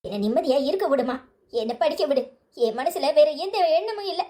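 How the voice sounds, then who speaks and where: A woman's voice: high-pitched, lively intonation, brisk, dark tone. A woman voicing a hurt but firm young woman student in a cartoon, exasperated, with a Tirunelveli Tamil accent.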